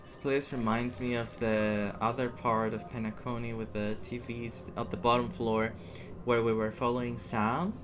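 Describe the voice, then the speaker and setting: A native Greek-speaking male gaming streamer offers casual playthrough commentary over game music, reacting aloud and explaining words as he reads them. His mid-range voice has little pitch movement and moves at a moderate pace.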